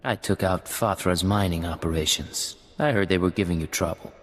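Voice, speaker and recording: Give me a man voicing a cool, understated game spy with a low voice. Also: normal speed, natural voice. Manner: clipped, understated lines. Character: cool, terse male secret agent. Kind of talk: video game cut-scene acting. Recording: long hall reverb.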